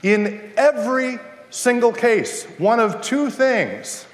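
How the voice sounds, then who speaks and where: A male preacher delivers a sermon in a high-pitched voice that rings through a large hall with long reverb. He speaks emphatically, setting up rhetorical questions and leaving dramatic pauses for the congregation. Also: lively intonation.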